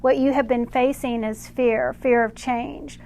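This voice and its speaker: Woman giving slow channeled guidance. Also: fairly high pitch, fairly even intonation, a little mellow, a little hiss or hum. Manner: slow, measured, speaks as "we" for unseen guides. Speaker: spiritual channeler.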